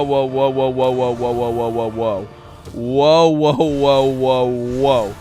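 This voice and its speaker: A man in his twenties chatting casually with his viewers while streaming a game, joking around and swearing often. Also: medium pitch. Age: 20s. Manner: joking banter with chat, frequent swearing. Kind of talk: casual live gaming stream chat.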